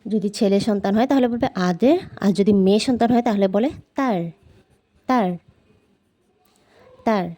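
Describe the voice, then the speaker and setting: Patient woman teaching slow word drills. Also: medium pitch, warm tone. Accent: Bangladeshi Bengali. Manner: repeats each word slowly, patient and explanatory. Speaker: language teacher. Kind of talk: casual vocabulary lesson.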